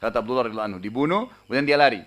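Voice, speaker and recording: A male preacher tells a story to his congregation at a brisk clip. His voice sits at a middling pitch, and his talk is casual and conversational, full of little filler tags. He climbs louder and higher when the story turns dramatic. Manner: conversational, frequent tag fillers; animated retelling, raising voice for dramatic moments. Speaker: Islamic preacher. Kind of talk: storytelling sermon.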